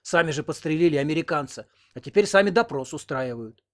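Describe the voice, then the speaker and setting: A man's voice: a little high, expressive, a little fast, a bit bright, pitched above the performer's own voice. Cranky old village woman, sarcastic and scolding, read by a man. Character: sharp-tongued old village woman, grumbling.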